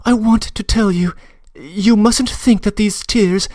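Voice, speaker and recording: This man reads a classic novel aloud, his high voice steady in tone, slow and darkish, recorded with no room sound. He plays a passionate young woman making a tearful, earnest plea, her confession trembling and breathless.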